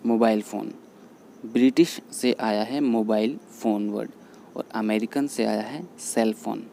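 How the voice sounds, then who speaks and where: A man explaining English vocabulary in Hindi, patiently repeating each word slowly. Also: on the low side, fairly even intonation, vocal fry, mellow, a little hiss or hum. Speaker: English teacher. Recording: faint background music under voice. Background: faint background music.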